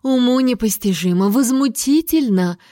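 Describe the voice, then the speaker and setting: A woman voicing a middle-aged baroness mother who scolds her daughters in slow, theatrical declamation. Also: a little high, mellow, no room sound, clean studio sound, voice pushed up, close to an everyday voice. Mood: indignant.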